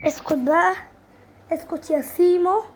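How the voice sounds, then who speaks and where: Shrill excitable Egyptian gamer woman. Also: moderate pace, a little hiss or hum. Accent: Egyptian Arabic. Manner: excitable, with sudden squealing exclamations. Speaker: gaming channel host. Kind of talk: casual gameplay commentary.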